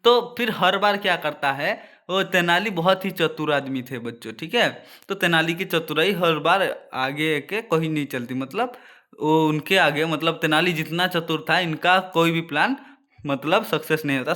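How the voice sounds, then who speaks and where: Guy teacher reading a story to kids and explaining it, keeps talking to the children, bright sharp voice. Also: on the high side, moderate pace. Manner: addresses children often, explains word meanings.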